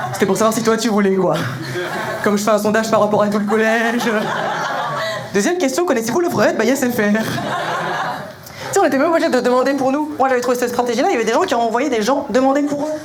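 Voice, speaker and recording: A young man performing punchy stand-up comedy in colloquial, slangy language, telling animated stories and acting out dialogue. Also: very high-pitched, quick pace. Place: live comedy venue. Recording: live show recording with clear noise.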